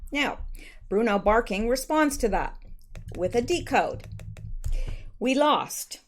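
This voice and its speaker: A woman's voice: on the high side, very animated, a little slow. A woman hosting her own channel, casually reading out posts and commenting on them in a loose, conversational way with frequent ums and self-corrections. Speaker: channel host.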